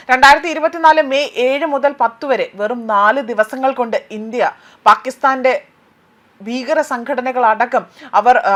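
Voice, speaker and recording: High-voiced woman reading news. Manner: steady emphatic reading with occasional filler pauses. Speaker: news presenter. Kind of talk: news report read from a script.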